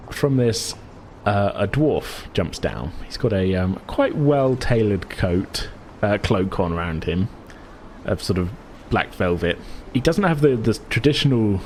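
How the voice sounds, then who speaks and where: Acting as game master for a tabletop game, a man improvises descriptive narration, hesitating and searching for words. His voice is fairly low and a little mellow, with slight background noise.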